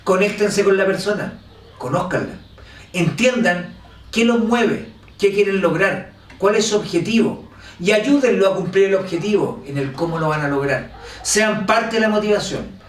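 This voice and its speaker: A man with a Chilean accent teaching an online course lesson. He speaks in an animated way and keeps checking with his listeners. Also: sits high, moderate pace. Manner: animated, asks for agreement with "¿cierto?". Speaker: instructor. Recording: echoey room, voice from a distance.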